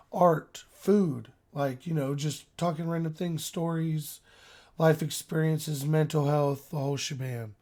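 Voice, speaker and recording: A man's voice: on the high side, a little mellow. A man hosting his own podcast in casual solo chat, speaking informally with slang and some swearing. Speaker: podcast host.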